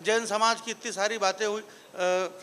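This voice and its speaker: On stage at a live poetry recital, this Marwari comic poet trades jokes with the crowd, then builds up to declaiming verse. He speaks a little slowly in a sharp, high-pitched voice with fairly even intonation, over slight background noise.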